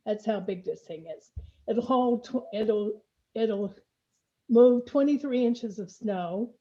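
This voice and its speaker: Chatty older lady on a video call, mellow voice, kinda muffled lo-fi audio. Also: on the high side, takes it slowly. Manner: lively storyteller, chatty. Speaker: computer trainer. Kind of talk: casual chat on a video call.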